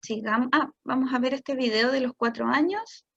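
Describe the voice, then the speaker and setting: A Chilean woman speech therapist giving a talk to parents, explaining patiently and stretching words out slowly to demonstrate them. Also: sits high, creaky, a bit bright, muffled recording. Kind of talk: online talk for parents answering questions.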